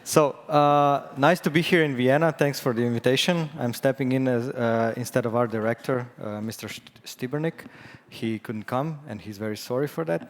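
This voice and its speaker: A man's voice: medium pitch, moderate pace. A man with a Slovenian accent whose first language is Slovenian, giving a conference presentation with many fillers and restarts. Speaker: conference speaker. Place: conference hall. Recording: long hall reverb.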